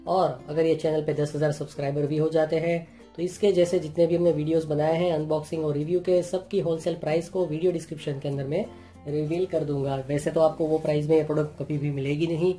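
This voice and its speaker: A fairly high but dark-toned male voice speaks fast and with little pitch movement as its owner unboxes and reviews products at a table indoors. He explains everything in plain Hindi full of "jo hai," and clear music plays underneath the recording.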